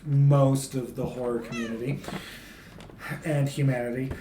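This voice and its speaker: A man's voice: mid-range voice, level tone, measured pace. A man co-hosting a casual movie review chat, laughing often and stumbling over names as he talks. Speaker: podcast co-host. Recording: echoey room, faint background hiss.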